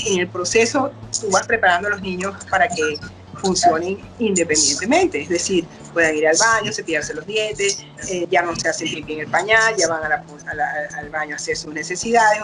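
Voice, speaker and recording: A middle-aged woman doctor, explaining patiently in an interview. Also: fairly low pitch. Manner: patient, explanatory, acts out quoted parents and children. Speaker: doctor, guest expert. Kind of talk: explaining casual interview talk.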